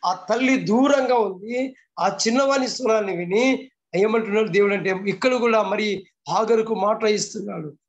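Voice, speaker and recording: High-voiced man preaching fervently. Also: muffled recording. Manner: fervent preaching with repeated phrases and rhetorical questions. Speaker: pastor. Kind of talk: devotional sermon over a video call.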